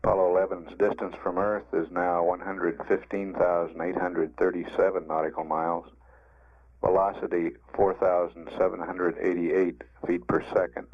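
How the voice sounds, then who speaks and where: A low-voiced man reads formal mission status updates in a flat, measured tone. The sound is a slightly dull archive radio broadcast, and his delivery is strictly factual. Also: no echo. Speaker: mission control public affairs announcer.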